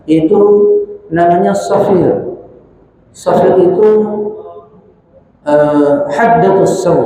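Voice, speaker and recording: A man's voice: on the high side, mellow, slight background noise. A man teaching Quran recitation rules, carefully demonstrating each sound and correcting common mistakes. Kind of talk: tajwid lesson with chanted recitation. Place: mosque hall. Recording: echoey hall with long reverb.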